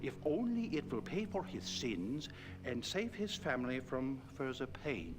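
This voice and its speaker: A man voicing a solemn man in a point-and-click game who recounts a werewolf legend in a measured way. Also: medium pitch, big pitch swings. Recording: game audio with music behind.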